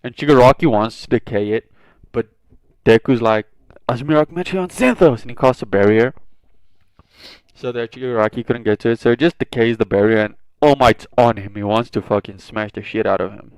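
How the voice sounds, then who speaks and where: A man's voice: lowish voice, steady tone, fairly quick, smooth, dry recording, poor audio. A man casually retelling a fan story, rambling with lots of swearing and fillers.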